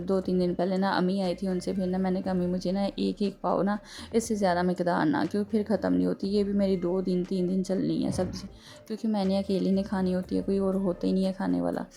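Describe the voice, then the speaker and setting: A chatty woman talks through her housework in a rambling, homely way, leaning on small fillers. Her voice is dark and mellow with a gravelly edge and a slightly sore throat, recorded at home in a kitchen. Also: medium pitch. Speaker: home vlogger. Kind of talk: casual chatty home vlog narration.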